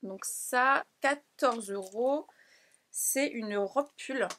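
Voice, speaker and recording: A woman's voice: on the high side, extremely slow, slight background noise. Chatty young Frenchwoman showing off a clothing haul. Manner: chatty, excitable, laughs often, drops into asides. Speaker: fashion vlogger. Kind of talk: casual haul vlog chat.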